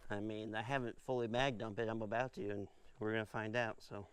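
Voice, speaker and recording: A man hosting a casual shooting vlog outdoors, talking in a relaxed, rambling way with lots of fillers. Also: fairly low pitch, a little fast, clear, resonant tone, no echo. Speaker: firearms channel host.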